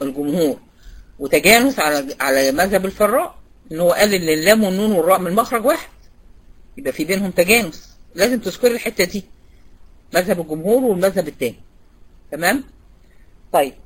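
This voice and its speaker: A woman with an Egyptian Arabic accent teaching a recitation class, quizzing students by name and repeating key points. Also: mid-range voice. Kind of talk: online class lecture.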